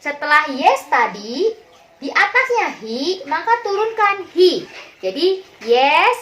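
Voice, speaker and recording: A woman teacher giving a patient, repetitive online lesson to young schoolchildren, mixing in English example phrases and addressing her pupils gently. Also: extremely high pitch, very animated, takes it slowly, a little hiss or hum. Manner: addresses pupils kindly as children.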